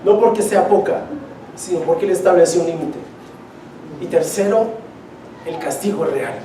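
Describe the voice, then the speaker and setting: A preacher's dark-toned, medium-pitched voice comes at a normal pace, captured distantly in an echoing church sanctuary with a little hiss or hum. He delivers his sermon emphatically, repeats key phrases, and asks the congregation direct questions.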